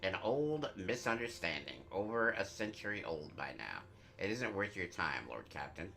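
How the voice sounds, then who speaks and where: A man voicing a formal, dutiful old retainer in a game, speaking in a courtly, measured way. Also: low-pitched, big pitch swings, vocal fry, bright, forceful tone, soft background music, full character voice.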